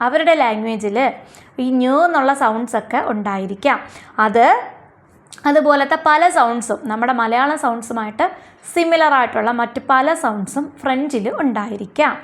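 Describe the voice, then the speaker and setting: A young woman with a Malayali accent teaching a lesson. She reads English questions and answers slowly, then explains them in casual speech. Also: a little high, a bit bright.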